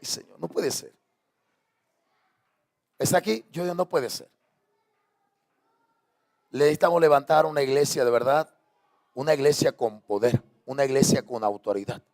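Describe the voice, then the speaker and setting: A man's voice: fairly high pitch, darkish tone. A man preaching a sermon as pastor, impassioned, throwing out repeated rhetorical questions to his congregation. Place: church sanctuary.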